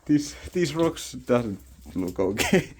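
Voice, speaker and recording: Nervous, slow-talking man inside a concrete bunker. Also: mid-range voice, very animated. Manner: hesitant, nervous. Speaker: vlogger exploring. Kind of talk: casual chat while exploring. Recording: clear ambient noise inside concrete bunker.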